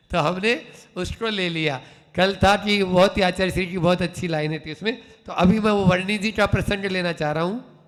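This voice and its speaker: A man, a Jain monk, giving a sermon slowly, repeating key phrases in a rhythmic, emphatic way. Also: high-pitched, a bit bright. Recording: hall with long reverb.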